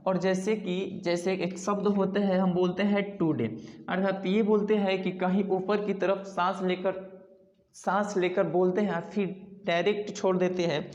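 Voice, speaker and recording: A woman teacher talks through an English lesson at an ordinary, mid-range pitch. She goes back over her points and refers to words she has written as she explains. Her voice rings through a bare room with a long, trailing reverb. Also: little pitch movement, normal speed, a little mellow, dull audio.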